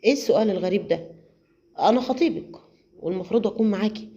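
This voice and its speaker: A woman reads a probing, suspicious young man in intelligence, with an Egyptian Arabic accent. He presses his questions quickly. The audio is a bit dull. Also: mid-range voice, animated, darkish tone, natural voice. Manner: probing, insistent. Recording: slightly muffled lo-fi audio.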